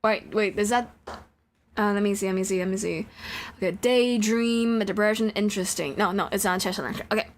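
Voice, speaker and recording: A brisk, medium-pitched woman streams a visual novel live, with slight background noise audible. She chats casually and playfully with viewers, wandering off topic and crooning nonsense syllables.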